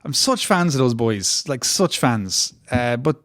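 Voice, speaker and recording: A man's voice: medium pitch, sing-song, measured pace, a bit bright, dry recording, clean studio sound. A man co-hosting a wrestling podcast, rambling and mock-indignant in casual banter.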